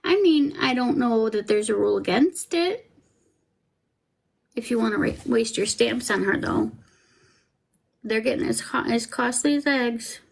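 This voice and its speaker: A woman's voice: a little high, animated, measured pace, gravelly, pauses often. A woman in her forties chatting casually as a podcast host, rambling and self-deprecating. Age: 40s. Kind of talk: casual livestream chat over a trial feed.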